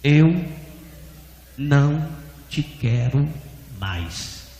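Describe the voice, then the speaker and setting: A Brazilian preacher voicing the stern, solemn voice of God in a slow, measured way. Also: male voice, fairly high pitch, animated, warm tone, pitched below the performer's own voice, exaggerated voice. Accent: Brazilian Portuguese. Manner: slow, heavy, measured repetition. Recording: echoey hall with long reverb.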